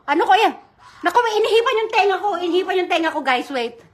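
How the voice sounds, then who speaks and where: A mother hosting a live-stream giveaway, chatting casually and giving shout-outs to viewers as she reads their comments. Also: very high voice, expressive, fast, a little hiss or hum. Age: adult mother. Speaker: livestream host running a giveaway.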